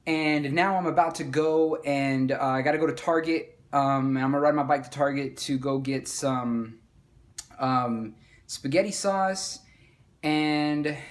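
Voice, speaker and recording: A man talking casually to camera as a vlogger, rambling with fillers and restarts. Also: fairly high pitch. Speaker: vlogger and small business owner. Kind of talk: casual vlog talk to camera. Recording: roomy echo.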